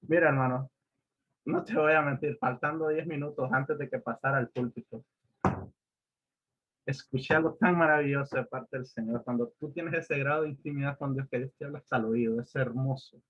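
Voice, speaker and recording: A man sharing an emotional personal testimony on a video call, an animated storyteller whose voice climbs high when he gets excited. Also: normal speed, breathy edge. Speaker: youth speaker sharing a testimony. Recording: muffled lo-fi video call audio.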